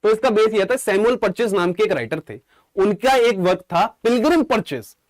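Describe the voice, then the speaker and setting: A man's voice: high voice, animated, normal speed, dry recording. A young man with an Indian accent teaching English literature in a chatty, informal exam-prep lecture. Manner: chatty, informal, jokes with students.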